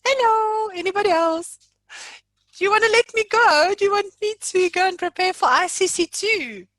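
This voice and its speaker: A woman with a very high, slightly bright voice leads an informal online training session from her own room, joking, chatting and poking fun at herself. She talks at a moderate pace, and the recording has no room sound.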